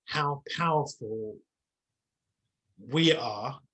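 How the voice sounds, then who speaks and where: A man's voice: medium pitch, very slow, bright, forceful tone, low-quality recording. A man hosting an interview, musing reflectively and asking open questions. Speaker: podcast host. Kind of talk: conversational interview.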